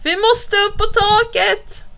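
A woman's voice: high-pitched, lively intonation, pushed and bright, voice pushed up. A woman voicing a bold young boy in a children's storybook who eagerly loves scary films. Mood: excited.

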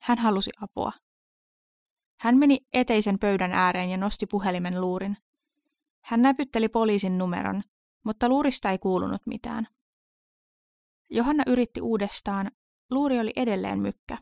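Gravelly woman narrating a horror story. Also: medium pitch, pauses often, darkish tone, no room sound, clean studio sound.

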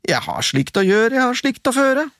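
A storyteller doing a cheerful, squeaky young lad. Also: no room sound, clean studio sound. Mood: content. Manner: high, excited sing-song calls. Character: cheerful young male hero, proud of his finds. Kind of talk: storybook reading.

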